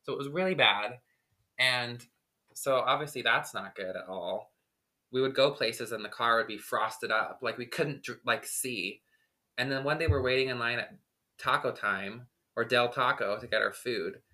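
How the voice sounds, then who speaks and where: A man's voice: mid-range voice, moderate pace, bright, forceful tone. A man co-hosting a podcast, telling a long story in casual chat, full of "like" fillers. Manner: rambling, lots of "like" fillers. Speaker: podcast co-host.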